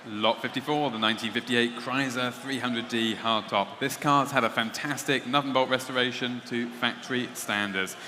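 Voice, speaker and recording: A man's voice: medium pitch, steady tone, moderate pace, few pauses, bright, forceful tone. A man announcing lots at an auction, reading catalogue descriptions aloud. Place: large auction room. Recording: echoey auction hall, faint background noise.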